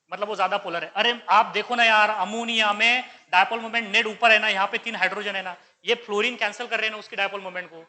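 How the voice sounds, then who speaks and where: A man with a high, very bright and sharp voice lectures on chemistry. He keeps quizzing his students, asking each question twice and answering it himself. He slips English science terms into his explanations. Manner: quizzing students with repeated questions, calls them beta. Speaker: chemistry teacher. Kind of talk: exam paper discussion lecture.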